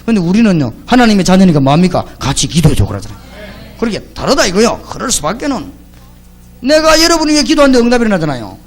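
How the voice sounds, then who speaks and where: A male pastor, preaching in a high voice that leaps up and down with lively energy. His sermon is chatty and full of stories. He keeps challenging the congregation with rhetorical questions and lands on short, emphatic cries. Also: quick pace. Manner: emphatic, punchy exclamations.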